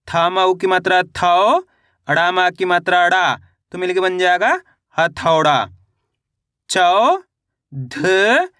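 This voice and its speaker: Man, Hindi reading teacher, bright tense voice, dry close recording, slow syllable-by-syllable spelling. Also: high-pitched, clear, resonant tone, dry recording. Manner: slow, deliberate syllable-by-syllable sounding out, repeating each word. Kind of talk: online lesson, spelling words out syllable by syllable.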